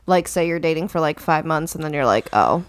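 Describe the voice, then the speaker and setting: A young woman co-hosting a podcast in casual chat, excitable and quick to laugh. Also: low voice, clear, resonant tone, dry recording, studio quality. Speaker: podcast co-host.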